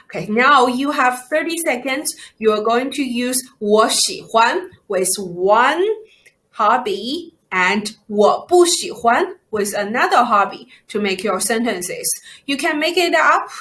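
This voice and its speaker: Slow, bright-voiced woman teaching a language lesson. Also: a little high, animated. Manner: simple, instructional, carefully enunciated phrasing with questions. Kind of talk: children's language lesson with repeat-after-me drills.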